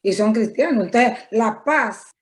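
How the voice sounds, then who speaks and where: A woman's voice: a little high, expressive, a little slow. A woman joining a Bible study discussion, speaking hesitantly with fillers as she works out her point. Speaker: study group participant. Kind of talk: group discussion.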